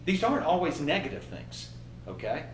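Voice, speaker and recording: A man in his fifties giving an animated motivational workshop talk and acting out inner voices. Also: a little high, moderate pace, roomy sound, recorded from a distance, slight background noise, rough recording. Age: 50s. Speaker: trainer.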